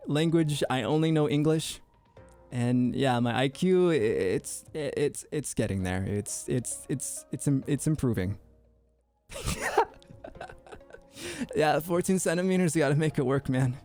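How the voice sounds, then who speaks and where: A man's voice: on the high side, darkish tone, faint music behind. A young man streaming his VTuber debut, goofy and joking, often tripping over his words in restarts. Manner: goofy, joking, quick to laugh; stammering restarts. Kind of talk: casual livestream chat.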